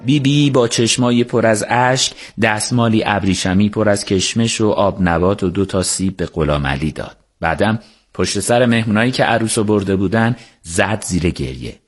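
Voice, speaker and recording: A man narrating a book on the radio in a calm, measured storytelling manner. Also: on the low side. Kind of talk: scripted narration.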